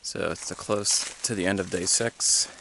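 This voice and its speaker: A young man casually vlogging while hiking a mountain trail, talking in a halting, easygoing way with many fillers, sometimes out of breath. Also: low voice, fairly even intonation. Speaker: thru-hiker vlogger. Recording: outdoor clip with clear background noise.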